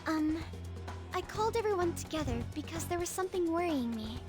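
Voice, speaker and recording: An actress voicing a polite, soft-spoken young woman in a video game. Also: very high-pitched, animated, a little fast. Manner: polite, apologetic. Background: game music.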